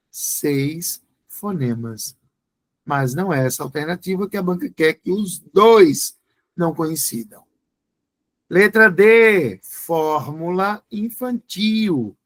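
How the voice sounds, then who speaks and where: A man teaching an exam-prep grammar lesson, spelling words out letter by letter. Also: on the high side.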